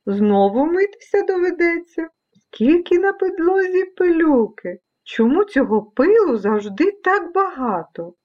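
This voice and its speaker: A woman's voice: very high-pitched, very animated, unhurried, voice pushed up, heavily acted. A woman voicing a fussy, squeamish house cat in a children's storybook reading, grumbling. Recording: dull lo-fi recording.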